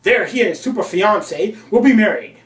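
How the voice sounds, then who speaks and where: A man's voice: sits high, animated, a little fast. A man reviewing an old comic book with sarcastic, crude asides. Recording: roomy, from a distance.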